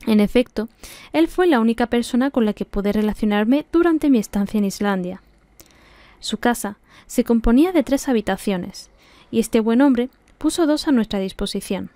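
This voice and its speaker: A woman's voice: a little high, expressive, normal speed, dark tone, dry recording. A woman with an Andalusian Spanish accent reads a classic novel aloud as scripted audiobook narration. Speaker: audiobook reader.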